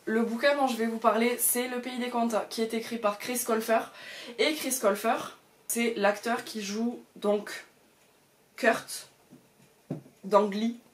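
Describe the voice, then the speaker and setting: A woman's voice: a little high, fairly even intonation, slow, a little hiss or hum. A woman chatting casually to the camera about her books at home, with lots of hesitations and fillers. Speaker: book vlogger.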